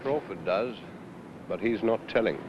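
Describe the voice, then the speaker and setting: An actor playing a wry senior British detective in a 1970s television drama, speaking in a clipped, dryly authoritative way. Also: male voice, fairly low pitch, expressive, a little slow. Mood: brisk, probing. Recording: dull, noisy 1970s television location sound.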